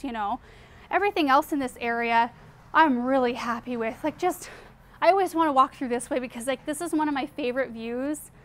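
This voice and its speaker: High-voiced chatty woman touring her garden. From Eastern Oregon, US. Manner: chatty, enthusiastic, lots of fillers like "um" and "like". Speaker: garden show host. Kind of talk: casual garden tour walkthrough. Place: outdoor home garden.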